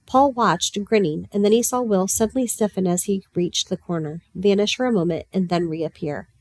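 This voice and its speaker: A woman narrates a novel in a calm, even reading voice. Her pitch sits in the middle range. The sound is dry and close, with no room echo. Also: moderate pace. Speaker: audiobook narrator. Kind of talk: storybook narration.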